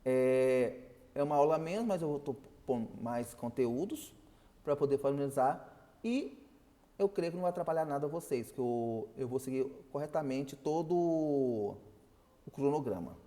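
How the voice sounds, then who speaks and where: A man's voice: mid-range voice, expressive, unhurried, warm tone, long reverb tail. A man teaching a customer service class, explaining and asking his students questions. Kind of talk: online class lecture.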